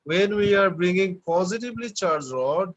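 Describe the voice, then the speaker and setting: A man teaching an online class, explaining slowly and patiently over a video call. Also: high voice, lively intonation. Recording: dull lo-fi online call audio.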